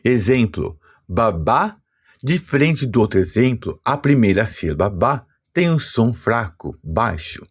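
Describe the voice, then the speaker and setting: Brazilian man teaching a language lesson, husky, lively intonation, slow and deliberate. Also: medium pitch. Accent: Brazilian Portuguese. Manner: slow, deliberate explanation with spelled-out examples.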